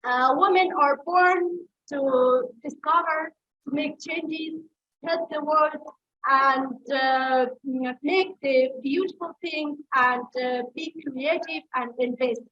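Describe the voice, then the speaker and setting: Bright high young woman on lo-fi call. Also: slow pace. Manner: hesitant, many uh fillers. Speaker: program participant. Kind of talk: online testimonial speech.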